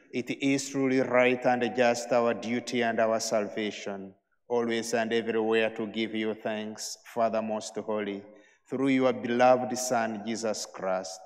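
A man, a priest, intoning the prayers of Mass in a solemn, measured way, with a cathedral echo around his voice. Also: on the low side. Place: large church. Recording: long church reverb.

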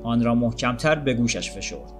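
A man reads a literary short story aloud in a calm, measured way. His voice sits at an everyday middle pitch, and faint music plays softly beneath him. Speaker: audiobook narrator. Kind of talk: storybook reading.

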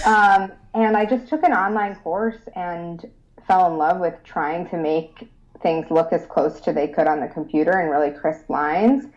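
A bubbly young woman from Rochester talks eagerly as an interview guest. Her voice sits on the lower side, and the recording sounds dull and lo-fi. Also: unhurried. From Rochester, New York. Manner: bubbly, eager, laughs often. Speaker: guest designer. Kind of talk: casual interview.

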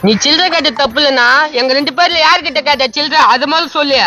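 A man's voice: extremely high pitch, fast, over music. A man playing a hot-headed, mocking young guy. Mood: taunting.

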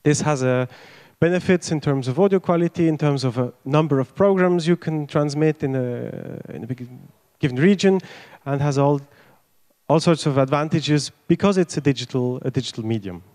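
A man in his thirties presents technical material informally into a handheld microphone. His voice is fairly high for a man, and he explains things with some hesitation. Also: moderate pace, a little mellow. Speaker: conference speaker. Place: stage in a large event tent.

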